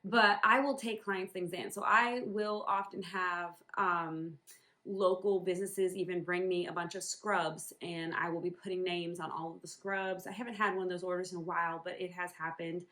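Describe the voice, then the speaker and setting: A woman's voice: on the low side, fairly even intonation, normal speed, sharp tone. A woman from Northern New England chatting casually about her home embroidery business, rambling with many ums and likes. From Northern New England, USA. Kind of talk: casual vlog chat.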